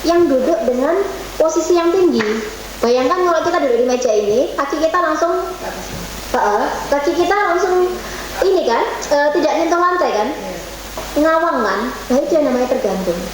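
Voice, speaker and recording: High-voiced woman teaching in an echoey room. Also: expressive, moderate pace, noisy background. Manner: chatty, quizzes the audience, slips into Javanese. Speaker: religious speaker at a women's study session. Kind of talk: interactive religious talk to women. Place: government office meeting room.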